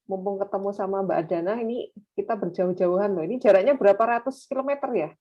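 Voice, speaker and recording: A woman's voice: medium pitch, fast talker. Chatty Indonesian woman, dull lo-fi sound. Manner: mixes English phrases into speech. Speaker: webinar moderator. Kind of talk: chatty, informal hosting. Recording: dull, lo-fi online call.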